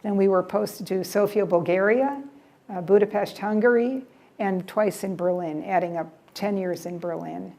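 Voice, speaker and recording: A chatty older woman from the United States, a guest speaker at a library travel talk, gives a casual presentation with audience questions in the event room. Her mid-range voice is mellow yet gravelly at a normal speed, and she repeats words and trails off with "yeah".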